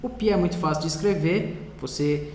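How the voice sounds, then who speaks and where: A Brazilian man teaching a Greek lesson in a Portuguese classroom style, patient and repeating words slowly while writing on a board. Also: fairly high pitch, darkish tone, slight background noise. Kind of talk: classroom lecture. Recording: roomy hall echo.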